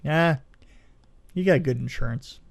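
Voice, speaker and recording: A gravelly voice on the high side, a little slow, belongs to a middle-aged podcast guest who worked in film effects. He tells casual stories animatedly, repeating phrases and acting out what people said.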